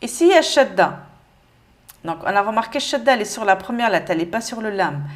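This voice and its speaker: Une femme qui donne un cours de lecture avec patience, en répétant lentement chaque mot. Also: female voice, medium pitch, animated. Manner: patient, repeats each word slowly. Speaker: Arabic reading teacher. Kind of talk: step-by-step lesson.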